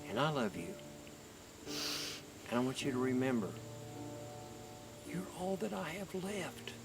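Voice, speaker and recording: An older man, playing a grandfather who pleads gently and slowly with his grandson. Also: medium pitch, over loud music, lightly acted. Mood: consoling. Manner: gentle, pleading, slow and heartfelt. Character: grieving rural grandfather comforting his grandson. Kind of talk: film drama acting. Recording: crickets and night noise outdoors.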